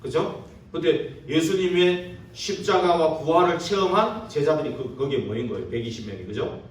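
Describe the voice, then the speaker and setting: A man preaches to his congregation in a fairly high voice that swings widely in pitch, asking rhetorical questions and checking for agreement with tag questions. He sounds distant from the mic, and his words ring through a very echoey church hall over a faint hiss. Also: expressive, moderate pace. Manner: poses rhetorical questions to the listeners. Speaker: pastor. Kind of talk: sermon. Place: church sanctuary during a service.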